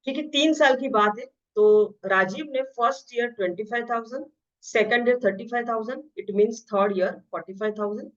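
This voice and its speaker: A woman teaching an exam-prep math lesson, switching between Hindi and English. She reads the questions out slowly and explains them quickly. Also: on the high side, a bit bright. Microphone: screen-share voice recording. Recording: slightly dull lo-fi audio.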